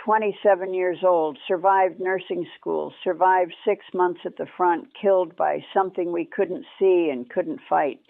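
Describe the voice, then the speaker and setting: Heard on a tinny old recording with no room sound, a gravelly woman with a lowish voice and steady tone recalls her years as a war nurse. She narrates in first person with somber, measured short clauses, and the dry audio resembles archival radio.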